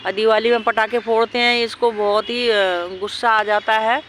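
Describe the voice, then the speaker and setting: A woman filming her dogs outdoors in a park, talking to them in a high coaxing or scolding voice and explaining them calmly to her viewers. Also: normal speed, background noise. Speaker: dog owner vlogger. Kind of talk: casual narration to camera.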